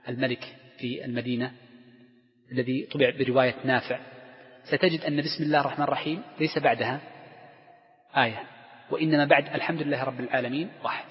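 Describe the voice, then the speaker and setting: Fast-talking male scholar in an echoing hall. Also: mid-range voice. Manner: explains step by step, asks the class rhetorical questions. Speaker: Islamic scholar teaching a text. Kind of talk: classroom lecture on Islamic law. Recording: dull lo-fi recording with long hall reverb.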